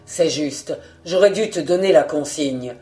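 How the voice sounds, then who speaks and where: A woman's voice: unhurried, mellow. Woman doing a firm older male detective. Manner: low, firm, scolding.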